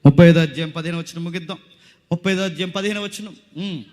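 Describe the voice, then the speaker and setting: A man preaching a village revival sermon, swinging between loud preaching and hushed tones, repeating phrases and questioning the crowd. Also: a little high, very fast, long reverb tail. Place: outdoor village meeting stage.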